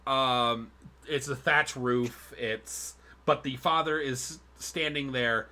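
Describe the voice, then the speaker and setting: A man's voice: medium pitch, steady tone, slow pace, sharp tone. A man narrating as game master of a streamed tabletop game, rambling with fillers and restarts. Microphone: streaming mic.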